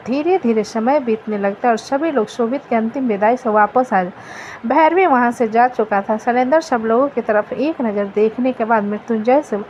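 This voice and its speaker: A woman reading a story aloud in a steady narrating voice. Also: a little high. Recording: dull lo-fi with faint noise.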